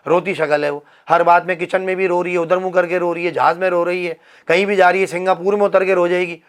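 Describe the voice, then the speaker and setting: A man's voice: sits high, smooth. A man, hosting a casual comedic chat and ranting opinions while acting out the voices he quotes. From Pakistan. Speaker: podcast host.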